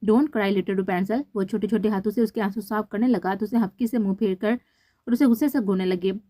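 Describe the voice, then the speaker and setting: A woman with a Pakistani Urdu accent, reading a romance novel aloud in a plain, steady way and lightly voicing the dialogue. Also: medium pitch, a little fast, dry recording. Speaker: novel reader.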